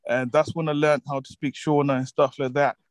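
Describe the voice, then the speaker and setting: A man in his twenties from Zimbabwe, a musician guest talking in a relaxed way, laughing often and repeating words as he thinks. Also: on the high side, a little fast, no room sound, poor audio. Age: 20s. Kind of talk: casual interview chat.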